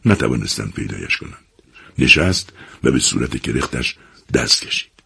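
A man narrating a novel in a dramatic, expressive audiobook reading. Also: rumbling low, vocal fry, slightly rough.

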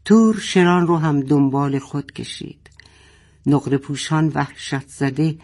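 A man narrating a children's adventure story in a dramatic, expressive way. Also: fairly high pitch.

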